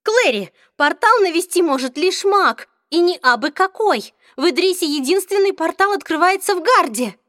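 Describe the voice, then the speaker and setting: Woman reader doing a high, eager young woman for an audiobook, loud and emphatic, dry booth sound. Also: very animated, takes it slowly, no room sound, full character voice. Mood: excited.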